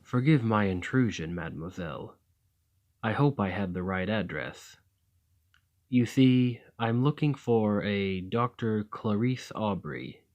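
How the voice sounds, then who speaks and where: In a scripted ASMR roleplay, a man plays a weary, courteous vampire gentleman centuries old, with formal, old-fashioned manners and measured delivery. His natural voice sits fairly low, and he sounds polite and regretful.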